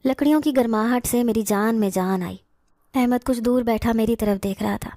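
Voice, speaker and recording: A woman narrating a first-person horror story in a steady storytelling manner. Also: on the high side, no room sound, clean studio sound.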